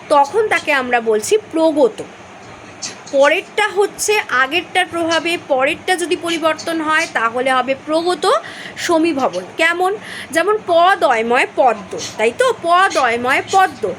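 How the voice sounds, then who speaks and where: A woman's voice: extremely high pitch, a bit bright, a little hiss or hum, low-quality recording. A woman teaching a grammar lesson, explaining step by step with fillers and frequent checks on the listener.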